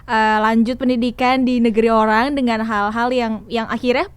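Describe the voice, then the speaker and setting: A woman's voice: a little high, fairly even intonation, moderate pace, clean tone, no echo. A woman hosting a podcast interview, asking questions casually and mixing in English words. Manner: encouraging listener, mixes in English words. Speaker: podcast host.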